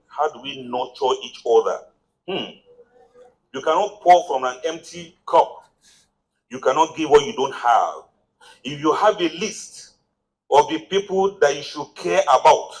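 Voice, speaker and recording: A man with a Nigerian accent giving a motivational marriage seminar, firing off rhetorical questions and rising to lively exclamations. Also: high-pitched, low-quality recording.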